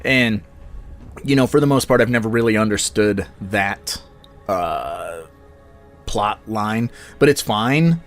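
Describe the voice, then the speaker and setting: A man's voice: fairly low pitch, lively intonation, slow pace, soft background music. A man co-hosting a podcast who rambles with fillers and laughs often while discussing a horror film. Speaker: podcast co-host.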